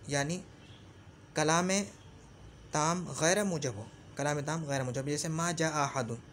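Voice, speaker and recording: A man teaching Arabic grammar in a lesson, slowly repeating example phrases and often checking that the listener follows. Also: a little high, slight background noise. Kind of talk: explanatory lesson.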